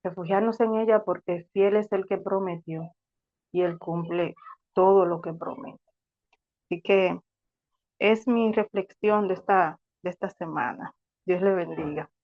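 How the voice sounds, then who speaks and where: A woman's voice: on the low side, steady tone, a little slow, phone-quality sound. A woman sharing a personal faith testimony in an earnest, reflective way, sometimes restarting her words. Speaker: testimony speaker.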